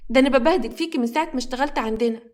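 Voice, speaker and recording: A woman with an Egyptian accent voicing a spoiled young girl who steals and then turns remorseful, in a high, emotional voice. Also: racing, darkish tone, lightly acted. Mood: pleading. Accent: Egyptian Arabic.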